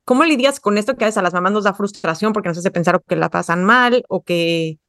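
A woman's voice: medium pitch, a little fast, a bit bright, dry recording, clean studio sound. Woman host asking rambling questions. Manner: asks long, rambling questions. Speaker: podcast host. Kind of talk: casual podcast conversation.

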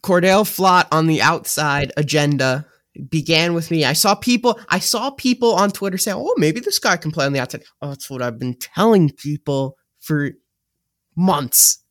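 A man's voice: on the high side, normal speed, a bit bright. A man co-hosting a casual sports podcast, dropping wry joking asides. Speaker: podcast co-host.

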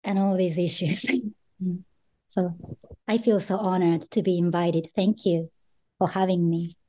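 A woman's voice: on the low side, fairly even intonation, a little slow, warm tone. A middle-aged woman from Japan, an author speaking in an interview, thoughtful and hesitant with frequent ums. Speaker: guest author. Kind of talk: interview conversation.

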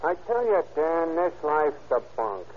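An actor playing a shabby, slangy, grumbling drifter and petty crook in a 1930s radio drama. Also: male voice, fairly high pitch, sing-song, unhurried, soft background music. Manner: slangy, plain-spoken grumbling. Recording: muffled, noisy 1930s radio recording.

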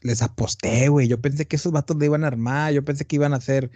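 A man with a northern Mexican accent hosting a podcast in casual chat, rambling and animated, dropping slang constantly. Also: fairly high pitch, fast, no echo. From Tamaulipas, northern Mexico. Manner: rambling and animated, slangy, peppers lines with "güey". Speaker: podcast host.

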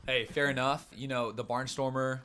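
A man's voice: medium pitch, moderate pace. A man in his twenties co-hosting a podcast, chatting casually from a room in his house and pushing his opinions. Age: 20s. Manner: relaxed, opinionated, laughs easily. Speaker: podcast co-host. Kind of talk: casual chat.

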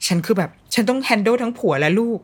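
A mother chats casually, telling parenting stories and giving advice in a blunt, colloquial way and acting out the voices she quotes. Her voice is a little high and brisk, with a breathy edge.

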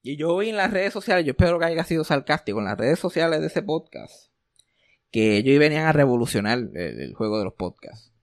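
High-voiced sarcastic man. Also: a little fast, no echo, studio quality. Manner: sarcastic, animated storytelling with English words mixed in. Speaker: podcast co-host. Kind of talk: casual chat.

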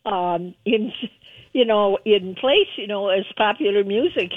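A woman's voice: mid-range voice, measured pace, no room sound. A woman calling in to a radio show over the phone, chatting casually with a hesitant, self-deprecating humor. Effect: heard over the phone. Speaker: caller. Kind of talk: casual call-in chat. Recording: muffled phone line, dry.

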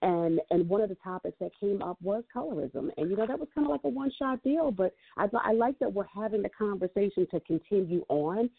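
Gravelly woman co-hosting on a phone line. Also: medium pitch, animated, fairly quick, hardly any pauses. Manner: thoughtful, filler-heavy. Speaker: guest co-host. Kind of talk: call-in talk show discussion. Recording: dry tinny phone line.

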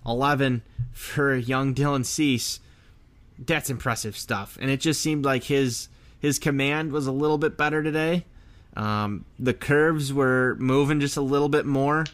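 Mid-pitched man chatting as a sports fan. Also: fairly even intonation, unhurried. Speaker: sports podcast co-host. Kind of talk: casual fan commentary.

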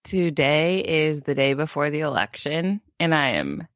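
A woman's voice: deep voice, very animated, measured pace, no room sound, lo-fi sound. A woman co-hosting a podcast in casual chat, playful and giggly, improvising a mock guided meditation. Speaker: podcast co-host.

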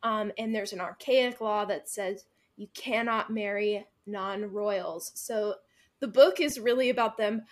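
Speaking at an unhurried pace in a medium pitch, a young woman from the Midwestern United States chats her way through book recaps and reviews as a podcast co-host. She laughs often and leans heavily on fillers.

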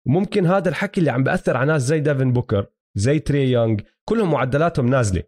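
Fast-talking man with a Palestinian-Jordanian Levantine accent. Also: medium pitch, animated, a little mellow. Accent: Palestinian-Jordanian Levantine Arabic. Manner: explanatory, checks listener follows, mixes in English basketball terms. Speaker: basketball podcast co-host. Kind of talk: casual sports analysis chat.

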